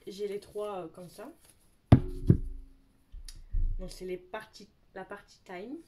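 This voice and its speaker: Young woman beauty vlogger, casual show-and-tell chat, gushing and repetitive, mid-pitched voice, noisy recording with clicks. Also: steady tone, slow. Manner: chatty, gushing, repeats words for emphasis.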